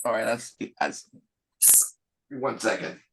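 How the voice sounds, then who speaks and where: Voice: medium pitch, animated, slow, fairly bright tone, slight background noise. A photo judge who is losing their voice, casually questioning entrants in an easygoing way.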